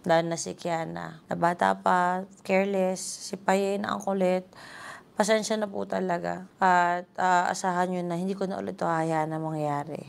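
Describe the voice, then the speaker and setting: A woman's voice: fairly low pitch, flat delivery, normal speed, vocal fry, clean tone. A woman with a Filipino accent giving earnest, frank commentary to camera. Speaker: leader of the vlogging family, commentator. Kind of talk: talk-to-camera commentary and apology.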